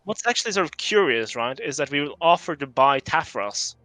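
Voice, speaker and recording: Bright-voiced man playing a game. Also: on the high side, a little fast, dry recording. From Norway. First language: Norwegian. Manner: relaxed, hedging, thinks aloud with many fillers. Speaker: game streamer. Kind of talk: casual gameplay chat.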